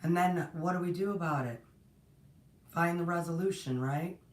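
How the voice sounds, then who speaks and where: A spiritual platform host talks at normal speed in a lowish voice that's strained and partly lost, casually rambling on her livestream, restarting often, and greeting viewers warmly. Her voice comes from far off, echoing through the room via a distant, unset mic.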